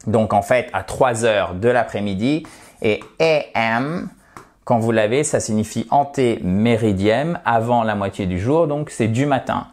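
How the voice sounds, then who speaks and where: A man's voice: mid-range voice, measured pace, a little mellow. A man teaching English in an online video lesson, explaining patiently step by step and addressing viewers as dear friends.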